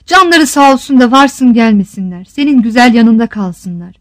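A woman's voice: a little high, lively intonation, moderate pace, no room sound, lightly acted. A woman voicing a scornful, defiant old island woman who mocks and scolds with rhetorical questions. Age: older.

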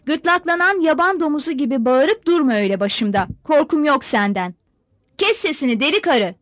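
A woman's voice: high voice, animated, moderate pace, no room sound. Woman voicing a fiery defiant village woman. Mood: furious defiant. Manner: furious shouting tirade, insulting.

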